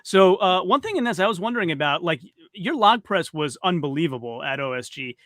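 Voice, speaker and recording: A man's voice: high voice, lively intonation, fairly quick, a bit bright, no echo, clean studio sound. A man hosting a casual interview over a video call, friendly and rambling. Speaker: podcast host.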